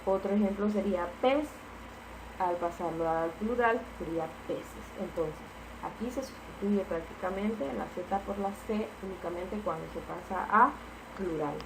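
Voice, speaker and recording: A woman teacher walks through spelling rules with example words in a patient, explanatory way. Her voice sits at a middle pitch. A faint hum of background noise sits under her. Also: measured pace. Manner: patient, explanatory, repeats key points with "entonces".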